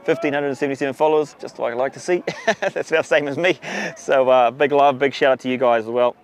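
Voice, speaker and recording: A man giving live rugby commentary outdoors, chatty and excitable, greeting viewers between plays. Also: medium pitch, fast talker, a little hiss or hum. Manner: chatty, excitable, gives shout-outs to viewers. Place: outdoors at a sunny rugby ground.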